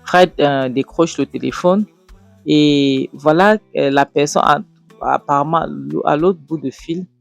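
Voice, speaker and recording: A woman hosting a show and giving a casual, halting recap of a series episode. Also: low voice, vocal fry, no echo, soft background music. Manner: halting, lots of fillers and restarts. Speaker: host.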